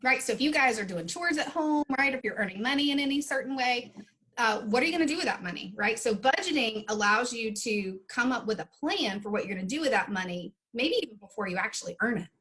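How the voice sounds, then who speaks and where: A woman's voice: on the high side, expressive, fast, fairly bright tone. A woman hosting conversationally for children, explaining things and often checking in with tag questions. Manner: explanatory, checks in with repeated "right?". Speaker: host of children's budgeting session. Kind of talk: conversational presenting to kids.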